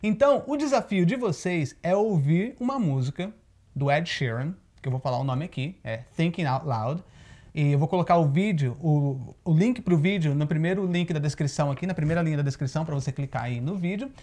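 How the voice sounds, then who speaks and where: A man's voice: fairly high pitch, expressive, a little fast, dark tone. Brazilian male English teacher, casual video lesson, patient explainer, keeps checking in with the viewer. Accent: Brazilian Portuguese. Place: living in the United States.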